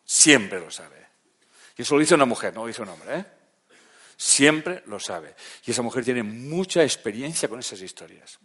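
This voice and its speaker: Man lecturing, soft to loud swings. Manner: conversational, checks in with the audience; swings from soft and low to loud emphatic bursts. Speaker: therapist giving a lecture. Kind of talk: lecture to a live audience.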